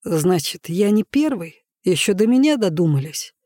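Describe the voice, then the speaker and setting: Male narrator as an earnest young man, quiet, mellow, dry close sound. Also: sits high, sing-song, moderate pace, no echo.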